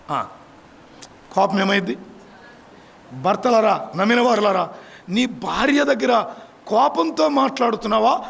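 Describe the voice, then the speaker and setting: A man's voice: very high voice, creaky, slightly rough. A man preaching, emphatic and constantly questioning his congregation. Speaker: pastor. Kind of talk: sermon. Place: church.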